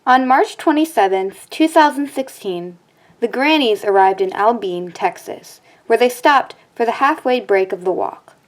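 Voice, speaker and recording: A woman's voice: fairly high pitch, animated, unhurried. Young woman reading a voice-over. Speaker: narrator. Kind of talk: scripted narration.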